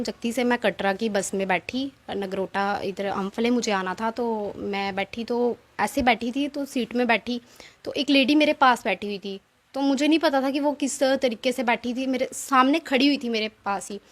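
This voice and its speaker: A woman recounts events in a casual interview, acting out what each person said. Her voice sits high. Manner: animated retelling, acts out quoted exchanges. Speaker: interviewee, theft eyewitness. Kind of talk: casual spoken account.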